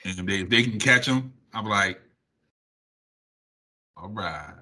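A talkative young man in casual chat, playful and quick to laugh. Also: lowish voice, pushed and bright.

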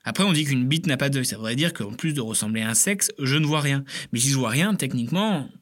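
A man's voice: mid-range voice, lively intonation, fast talker, fairly bright tone. A man giving scripted comedic narration in a playful, mock-serious way, full of self-mocking asides.

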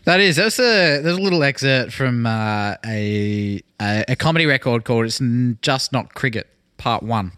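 A man's voice: mid-range voice, expressive, normal speed, few pauses, a bit bright, clear, resonant tone, no room sound, clean studio sound. An Australian man co-hosting a music podcast in a casual, conversational style. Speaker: podcast co-host.

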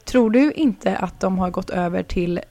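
A woman's voice: medium pitch, mellow. A young woman co-hosting a podcast, chatting expressively with many fillers, recorded remotely from home. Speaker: podcast co-host. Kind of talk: casual podcast chat. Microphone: home mic, remote recording.

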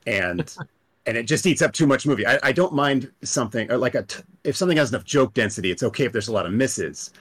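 A man's voice: mid-range voice, lively intonation, fast talker, fairly bright tone. A man on a podcast panel, ranting bluntly and swearing in casual chat.

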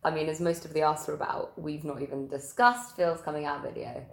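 A woman's voice: low-pitched, fairly even intonation, brisk, creaky, faint music behind. A woman co-hosting a podcast in casual, informal chat, loosely phrased. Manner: informal, hedging with "like" and "kind of". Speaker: podcast co-host. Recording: roomy echo.

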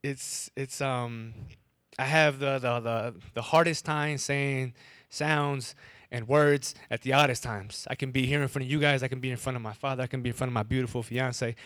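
A young man from Wisconsin tells a personal story to an audience, stuttering in a way that repeats words and clips syllables. His voice sits at medium pitch with a steady, fairly bright tone and a normal pace. The recording is studio quality, with no room sound.

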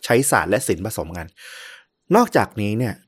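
A man's voice: deep voice, fairly quick, breathy edge, no room sound. Chatty Thai man telling a story. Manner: relaxed, chatty, with many fillers. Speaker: podcast co-host and storyteller. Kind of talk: casual podcast storytelling.

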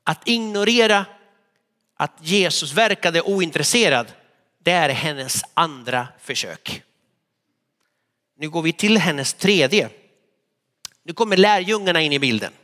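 A high, bright male voice delivering a sermon. He preaches in an animated storytelling way, sometimes acting out the people in his stories. A long church reverb trails behind his words. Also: pauses often. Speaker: pastor.

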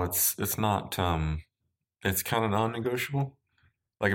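At home in his apartment, a man hosts a podcast, chatting casually in a dry, rambling, joking way. His deep, slightly bright voice sounds stuffed-up and nasal because of a deviated septum.

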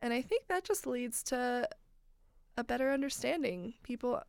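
A woman's voice: a little high, lively intonation, moderate pace, gravelly, no echo, studio quality. A woman co-hosting a podcast in casual chat, with uptalk that lifts her phrase endings and a smiley, sassy manner. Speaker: podcast co-host.

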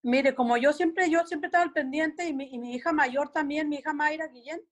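A middle-aged woman with a high voice speaks in an anguished radio interview. She relives conversations with her daughter and puts on their voices as she tells them. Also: fairly quick. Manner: anguished, recounts dialogue with quoted voices. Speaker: mother of a missing soldier, guest.

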